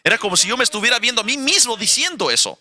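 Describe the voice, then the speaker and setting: Man interpreting a preacher; bright, forward tone, lively storytelling. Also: very high voice, rapid-fire. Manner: animated storytelling with light laughs. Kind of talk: sermon testimony.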